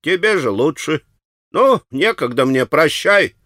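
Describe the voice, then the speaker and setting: A man's voice: fairly high pitch, expressive, a little slow, a bit bright, no echo, studio quality, voice pushed up. A man voicing a self-assured, mocking teenage boy in an audiobook. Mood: cocky. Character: cocky clever teenage boy, bossy.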